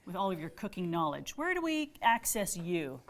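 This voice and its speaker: A woman's voice: fairly low pitch, big pitch swings, moderate pace, slight background noise. A woman hosting a studio cooking segment, upbeat and gushing over the food. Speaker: TV show host.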